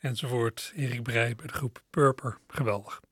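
A man's voice: medium pitch, fairly even intonation, moderate pace, a bit bright. A man introducing a song in a matter-of-fact radio style. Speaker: radio presenter. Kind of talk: calm radio announcement.

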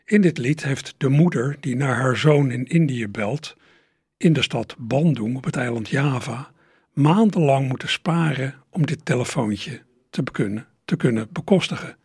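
A man presenting a radio program, calmly explaining the story behind old records. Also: medium pitch, moderate pace, breathy edge, no echo, clean studio sound. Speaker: radio host.

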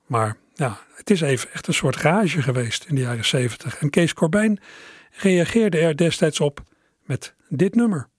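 A man's voice: on the high side, animated, normal speed, husky. A middle-aged man presenting a radio show, musing conversationally between records and addressing listeners directly.

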